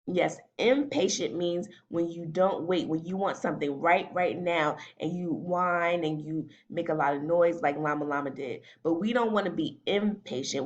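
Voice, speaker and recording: A woman teacher reading a picture book aloud to children, animated and stopping often to ask them questions. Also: on the low side. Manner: animated, asks children questions as she reads. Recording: dull lo-fi recording.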